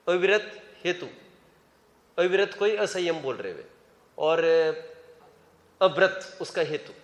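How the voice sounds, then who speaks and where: With a high, slightly bright voice, a man leads a scripture lesson, quizzing students by name and pushing them to put their hands up. The recording carries an echoey hall reverb.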